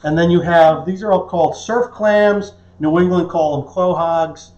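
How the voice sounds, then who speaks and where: Indoors in a home kitchen, a man in his fifties hosts a live cooking demo with an easygoing, joking, conversational style; he's a chef and show host. He talks at ordinary speed in a higher, somewhat dark voice, and the recording is muffled and echoey.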